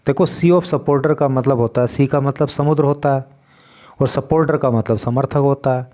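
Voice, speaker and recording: Going word by word through vocabulary from a newspaper, an Indian man explains English terms in Hindi with slow patience. He speaks at medium pitch in a slightly mellow voice.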